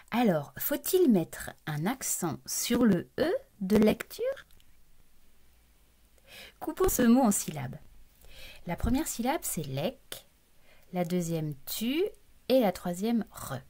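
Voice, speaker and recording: Slow, lively-voiced woman teacher. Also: mid-range voice. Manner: patient, deliberate, breaks words into syllables; addresses the child directly as "tu". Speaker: primary school teacher. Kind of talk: recorded lesson for young children.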